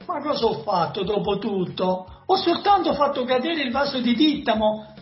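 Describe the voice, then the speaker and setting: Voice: medium pitch, animated, normal speed, lightly acted. A performer playing a mischievous young boy who pleads and protests. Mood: cheeky. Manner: pleading, cheeky. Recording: roomy, slightly dull radio recording.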